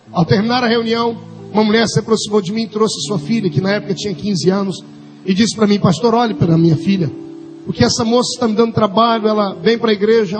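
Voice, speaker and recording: High-voiced Brazilian pastor preaching over music. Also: male voice. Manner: dramatic storytelling, swinging from soft to shouted. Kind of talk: sermon.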